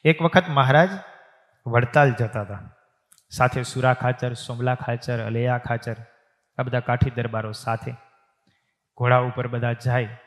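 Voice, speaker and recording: A man's voice: mid-range voice, fairly even intonation, measured pace, long pauses, a bit bright. A man, a swami, preaching a devotional story sermon and acting out the voices of the people in his tales. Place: temple hall. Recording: long reverb of a temple hall.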